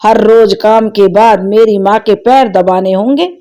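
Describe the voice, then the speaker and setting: A woman's voice: mid-range voice, measured pace, warm tone, lightly acted. A woman voicing an earnest young man, a devoted son laying out demands for his future wife. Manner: earnest, matter-of-fact demands.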